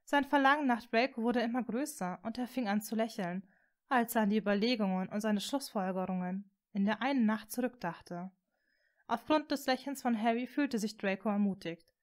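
A woman reading a fan fiction story aloud as an audiobook, in a calm, steady way. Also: a little high, moderate pace. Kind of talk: audiobook narration.

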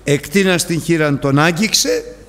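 A male preacher giving a sermon, telling the story dramatically with big swings in pitch and loudness. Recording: long hall reverb.

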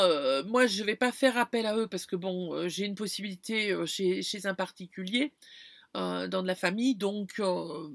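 A woman's voice: medium pitch, gravelly, a bit bright, no echo, clean studio sound. A woman from France talking casually to her viewers, explaining things with lots of fillers and restarts. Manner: chatty, many fillers and restarts, addresses viewer directly. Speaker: vlogger. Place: campground.

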